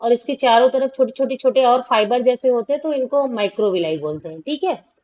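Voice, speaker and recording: A woman's voice: on the high side, a little fast, darkish tone, low-quality recording. A woman teaching a school science lesson, asking questions and answering them herself, with frequent check-ins to students. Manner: repeats questions and answers them, many "theek hai" checks. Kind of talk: classroom explanation of a class 10 lesson.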